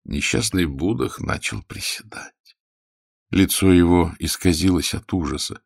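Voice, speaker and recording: A man narrating an audiobook with expressive storytelling. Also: low voice, unhurried, creaky, husky, dry recording, clean studio sound.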